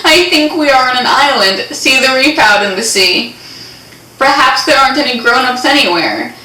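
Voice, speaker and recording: Woman reading as a calm teenage boy. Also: high-pitched, moderate pace, voice pushed up, full character voice. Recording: echoey room, distant mic.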